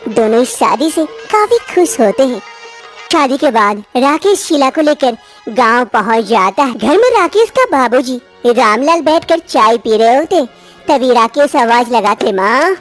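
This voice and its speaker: A woman narrating a family story in a plain, steady storytelling way. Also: high voice. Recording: faint music underneath.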